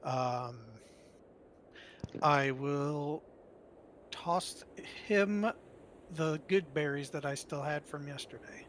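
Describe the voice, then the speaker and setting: A man's voice: fairly high pitch, drawn-out words, long pauses, a bit bright. A man chatting casually as a player in a tabletop game, over noticeable background noise.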